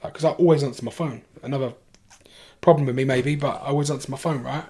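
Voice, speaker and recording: A man with a London accent, a podcast guest telling a long story in a casual way, animated, swearing freely and restarting his sentences. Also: mid-range voice, fast, slightly rough.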